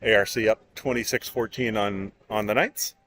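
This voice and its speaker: A man doing live play-by-play commentary for a high school football game, brisk and matter-of-fact between plays. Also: steady tone, slight background noise. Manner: brisk, rises to shouting on big plays. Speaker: play-by-play announcer.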